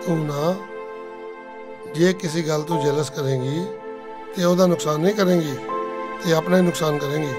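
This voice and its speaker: An actor playing a calm brother figure who gives a woman slow, patient advice. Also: fairly high pitch, lightly acted. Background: new-age film music.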